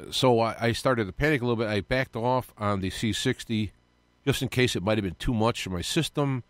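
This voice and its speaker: A man's voice: on the low side, no room sound. A man hosting a live audio-only radio show, talking in a rambling, confiding way with many fillers and restarts.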